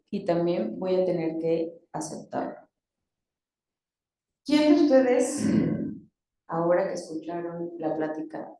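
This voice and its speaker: A woman's voice: fairly low pitch, mellow. Woman leading a workshop, echoey room. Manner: asks the group questions, demonstrates tones of voice. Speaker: workshop speaker. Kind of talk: interactive talk to a group.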